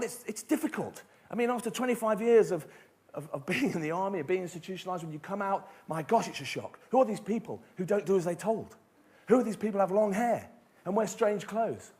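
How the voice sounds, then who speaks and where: A man's voice: sits high, a little mellow. A middle-aged man giving an emphatic keynote talk, telling stories and asking rhetorical questions. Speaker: motivational speaker. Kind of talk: keynote speech.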